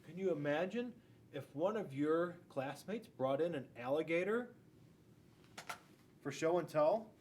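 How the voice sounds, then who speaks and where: A school resource officer in his forties reads to young children from a storybook, sprinkling in playful, chatty asides. His slightly high, darkish voice has lively intonation and a measured pace with frequent pauses; the classroom recording comes from a camera a few feet away, with faint room noise.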